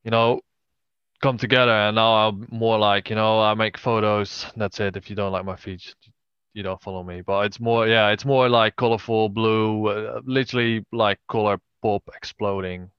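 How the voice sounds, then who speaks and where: A man giving a casual interview as a podcast guest, speaking haltingly with many hesitations. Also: lowish voice, steady tone, smooth, dry recording, lo-fi sound. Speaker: podcast guest, travelling videographer and drone photographer.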